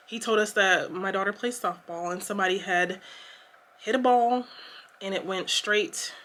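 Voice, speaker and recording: A woman's voice: mid-range voice, bright, forceful tone. A young woman, telling a story to her vlog camera in a chatty, emotional way with lots of fillers. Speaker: vlogger. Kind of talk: casual story time to camera.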